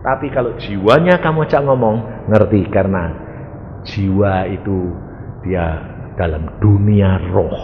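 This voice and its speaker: A man preaching a sermon, telling stories and acting out the people in them with sudden shouts. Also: lowish voice, unhurried, dull audio. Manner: animated, acts out quoted voices, sudden shouts. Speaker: evangelist preacher. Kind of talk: sermon with storytelling. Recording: echoey hall with faint noise.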